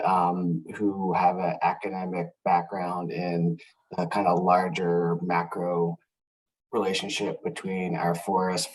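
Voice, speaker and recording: A man introducing the speakers at an online meeting, measured and searching for words. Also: deep voice, recorded from a distance, rough recording. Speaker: work group member introducing speakers. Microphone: video call.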